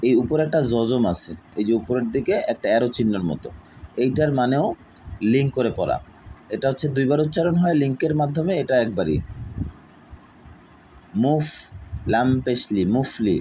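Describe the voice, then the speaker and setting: A man teaching Quran reading, who spells out each letter and vowel mark slowly and then reads the whole word. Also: mid-range voice, lively intonation, dark tone, slight background noise, rough recording. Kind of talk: slow letter-by-letter recitation lesson.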